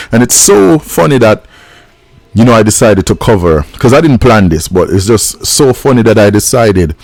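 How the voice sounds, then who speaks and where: A middle-aged Jamaican man with a low, darkish voice hosts a music reaction channel. He reacts casually and tells stories in a laid-back, reflective manner, recorded dry.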